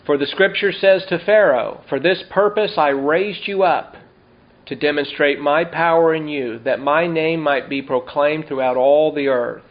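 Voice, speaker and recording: A man preaching a sermon, reading scripture slowly and emphatically and asking the congregation rhetorical questions. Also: on the high side. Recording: dull lo-fi sound.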